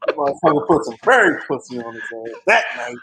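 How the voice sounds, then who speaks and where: A man's voice: mid-range voice, big pitch swings, fast talker, crowd noise, rough recording. A man co-hosting a casual boxing chat, throwing in profane, laughing side comments. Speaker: podcast co-host.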